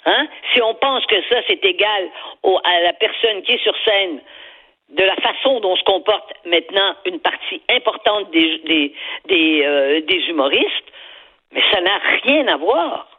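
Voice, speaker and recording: A woman's voice: fairly low pitch, unhurried, slightly rough. Older Québécois woman on a tinny phone line. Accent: Québécois French. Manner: emphatic, repeats words while searching for them. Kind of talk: opinionated radio call-in talk.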